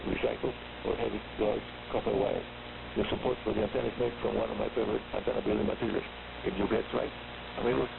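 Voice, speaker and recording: Heard over a radio receiver as tinny shortwave audio full of mains hum and static, a Cuban-accented radio show host with a lowish, gravelly voice reads a scripted hobbyist amateur radio program. He speaks in a brisk, clear manner and spells things out phonetically, using a studio microphone.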